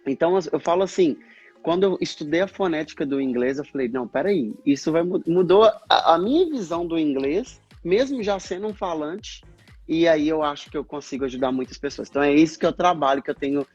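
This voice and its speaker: Husky Brazilian man explaining earnestly. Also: fairly high pitch, expressive, a little fast, a little mellow, highs cut off, soft background music. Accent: Brazilian Portuguese. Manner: earnest, explanatory, acts out past dialogues. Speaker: speech therapist guest. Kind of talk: livestream interview talk.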